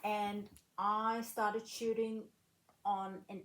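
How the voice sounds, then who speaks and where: Slow, measured woman in her late thirties. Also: medium pitch, flat delivery, slight background noise. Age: 30s. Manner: slow, measured, pausing between phrases. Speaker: guest, former rifle shooter. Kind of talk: casual interview answers. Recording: echoey room.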